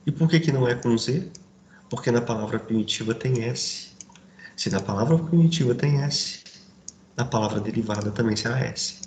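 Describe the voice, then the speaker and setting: A man teaching a grammar lesson, explaining step by step and checking in with his students through quick asides. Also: medium pitch, a little mellow. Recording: roomy echo, faint background noise.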